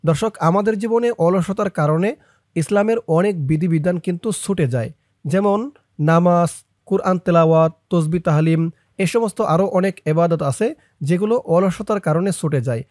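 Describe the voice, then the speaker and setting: A man's voice: sits high, moderate pace, a little mellow, no echo, studio quality. A man teaching viewers to pronounce a prayer, patiently repeating each syllable for them to follow. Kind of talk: spelling-out lesson of a prayer.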